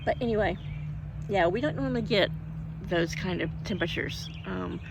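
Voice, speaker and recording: Older woman from Oklahoma, rambling garden vlogger, gravelly voice, outdoor mic with faint birds and traffic. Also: medium pitch, normal speed. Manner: meandering, homey, with frequent hiccups and yawns. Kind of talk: rambling casual chat.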